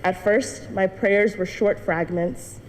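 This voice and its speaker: A student, a young adult woman, takes her time delivering an earnest testimony to a church congregation, sharing her story with light laughs. Her mid-range voice stays fairly even in intonation. Long church reverb and faint noise mark the hall recording.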